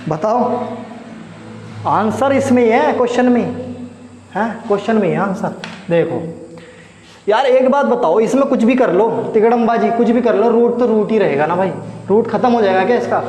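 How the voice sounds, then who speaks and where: A man's voice: high voice, normal speed, pauses often, a little mellow. A male math teacher giving a chatty, coaxing blackboard lesson, quizzing his students as he works. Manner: chatty, coaxing, asks the class questions. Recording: echoey room with faint noise.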